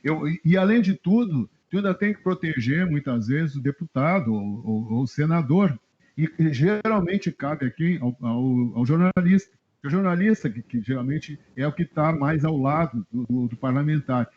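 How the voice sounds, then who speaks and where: A middle-aged man from southern Brazil, a journalist guest telling animated anecdotes in a casual interview and chuckling often. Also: on the high side, moderate pace, slightly rough. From Rio Grande do Sul, Brazil. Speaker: journalist guest, press adviser. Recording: dull lo-fi web radio audio.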